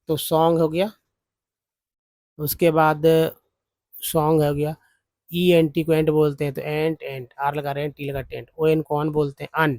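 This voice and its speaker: A man teaching English phonics from slides, explaining word parts slowly. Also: fairly high pitch, darkish tone, no echo. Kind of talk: slide-based phonics lesson.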